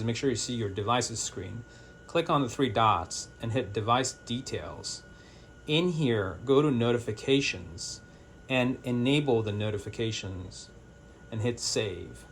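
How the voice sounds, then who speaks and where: A man with a medium, slightly bright voice gives a casual, step-by-step product tutorial. His instruction is practical and plain-spoken, and there's a little hiss or hum in the background.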